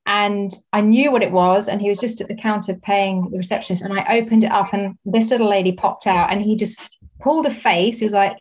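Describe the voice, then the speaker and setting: A woman therapist as a guest in a casual chat, telling animated stories. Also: medium pitch, brisk. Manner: animated storyteller.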